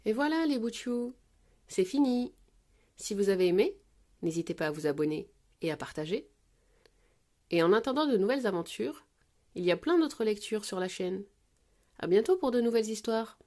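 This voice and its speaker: A woman reading children's storybooks aloud in a warm, sing-song way. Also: mid-range voice, expressive, moderate pace, pauses often.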